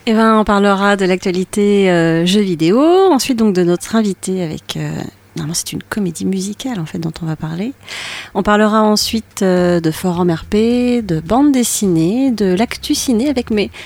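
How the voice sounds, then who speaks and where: A woman's voice: mid-range voice, normal speed, a little mellow. A woman co-hosting a radio show in a studio, talking informally with many hesitations. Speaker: radio co-host. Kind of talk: casual radio chat.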